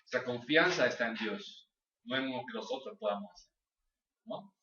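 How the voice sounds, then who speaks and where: A man's voice: mid-range voice, sing-song, moderate pace, gravelly, sharp tone. A man teaching a church course, explaining step by step and often checking in with his listeners. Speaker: Bible class teacher. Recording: distant, echoey, dull lo-fi room recording.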